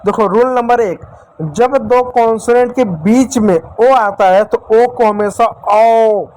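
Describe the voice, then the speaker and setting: A man's voice: extremely high pitch, slow, a little mellow. A man teaching a beginner language lesson to children, repeating his points and stretching out letter sounds. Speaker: English teacher. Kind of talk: classroom-style lesson.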